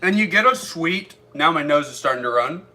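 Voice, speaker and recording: A man's voice: a little high, animated, a little fast, pushed and bright, soft background music. A man chatting through a casual taste-test vlog, thinking aloud as he eats. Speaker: food reviewer.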